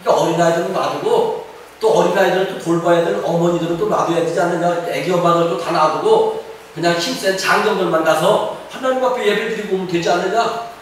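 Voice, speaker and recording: A man preaching a sermon as pastor, emphatic, swinging between loud rises and quiet drops, reading scripture aloud. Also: steady tone, fast talker. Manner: emphatic preaching, rising and falling pitch, reads scripture aloud. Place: small church sanctuary. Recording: echoey church hall from far off, faint background noise.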